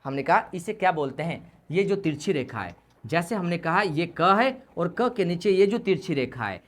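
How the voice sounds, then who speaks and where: Her voice on the low side with lively intonation and normal speed, a woman gives a classroom lesson on Hindi grammar. She keeps returning to key points and answers the questions she herself raises.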